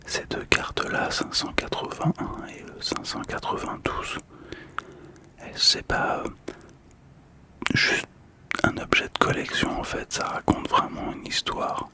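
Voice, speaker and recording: In a fully whispered, breathy, unvoiced delivery, this male ASMR host describes a card slowly and calmly, pausing often. The intimate close ASMR microphone is monitored on headphones, keeping everything soft and soothing.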